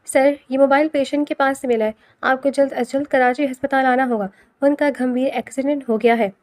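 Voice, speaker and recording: A woman's voice: high-pitched, steady tone, a little mellow, lightly acted. A woman voicing a young female nurse calling with urgent news. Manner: brisk, urgent.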